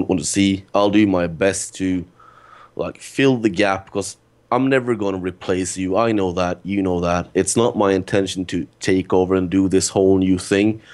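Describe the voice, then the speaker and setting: A man's voice: deep voice, darkish tone. A young man taking over a channel, speaking casually and nervously, stuttering and repeating words. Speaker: new channel host.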